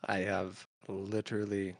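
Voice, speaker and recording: A man's voice: low voice, completely flat delivery, unhurried, gravelly. A man narrating a tabletop fantasy game as game master.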